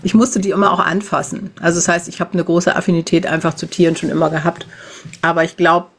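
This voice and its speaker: A woman's voice: on the low side, level tone, quick pace, creaky. A woman in her fifties, a podcast guest who talks in a chatty way and often tags her sentences with a questioning "ne?". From Germany, raised in the Netherlands. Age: 50s. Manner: chatty, warm-hearted, lots of "ne?" tags. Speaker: podcast guest, animal communication teacher. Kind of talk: casual podcast interview.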